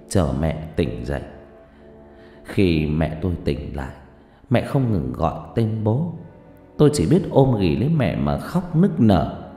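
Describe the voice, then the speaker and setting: A man's voice: fairly low pitch, dark tone. A man narrating a sad first-person ghost story in a mournful, emotional way. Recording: echoey reverb with faint music.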